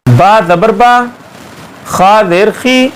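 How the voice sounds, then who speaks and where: A man's voice: high voice, very slow, slight background noise, poor audio. A man teaching Quran reading, patiently spelling out syllables one by one and drawing out each sound. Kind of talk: slow step-by-step recitation lesson.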